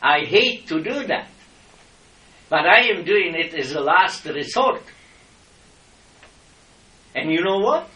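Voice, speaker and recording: A middle-aged Czech man with a Czech accent argues heatedly with officials, impassioned and lecturing, using non-native grammar. His high-side voice is pushed and bright, with lively intonation, a slow pace and long pauses. The mic is distant in an echoey room.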